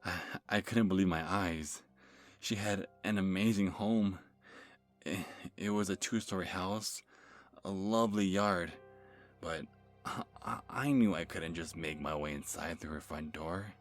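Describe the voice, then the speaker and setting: A low-voiced man plays a nervous, obsessive, creepy lovestruck stalker, narrating a first-person horror story in an ASMR style. He halts and stammers, sighs breathily, and keeps correcting himself as music plays in the background.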